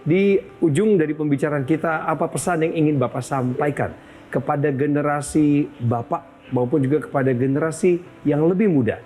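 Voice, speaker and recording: Slightly high male host over faint music. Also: moderate pace, mellow. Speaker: talk show host. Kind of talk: promotional talk show hosting.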